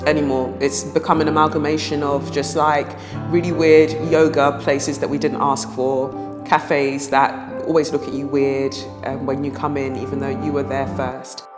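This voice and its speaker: A woman's voice: extremely low pitch, flat delivery, moderate pace, hardly any pauses. A woman, telling personal stories in a documentary interview. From moved to Britain at age five. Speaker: dance fitness instructor. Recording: echoey reverberant room, music behind. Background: music.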